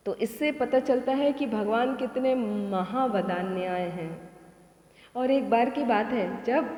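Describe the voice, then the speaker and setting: A woman's voice: mid-range voice, mellow. A woman teacher telling devotional stories, who asks rhetorical questions and then answers them. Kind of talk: devotional storytelling discourse. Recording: echoey hall with long reverb.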